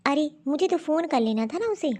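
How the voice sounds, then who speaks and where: A woman voicing a mild, busy young daughter-in-law in an animated cartoon story, puzzled and often talking to herself. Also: high voice, a little fast.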